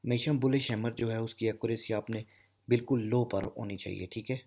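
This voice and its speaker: A man's voice: lowish voice, vocal fry, darkish tone, slight background noise. A man teaching candlestick chart patterns over a screen recording, explaining step by step and often checking in with "okay". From Pakistan. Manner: explanatory, repeats "theek hai" often. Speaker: trading instructor. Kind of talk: screen-share trading lesson.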